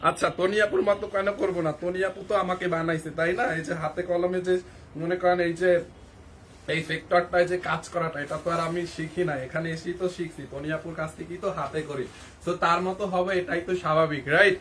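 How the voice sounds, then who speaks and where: A young man from Barisal with a cold, hosting a live clothing sale in an excited, rapid hard-sell patter. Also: sits high, slight background noise. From Barisal, Bangladesh. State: has a cold. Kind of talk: live shopping sales pitch.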